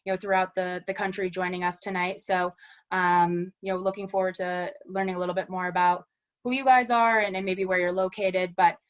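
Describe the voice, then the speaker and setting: A woman's voice: fairly low pitch, little pitch movement, brisk. A woman, giving a chatty, upbeat webinar presentation over a video call. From Western Massachusetts. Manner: chatty and upbeat, many "you know"s. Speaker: guest speaker, small business specialist.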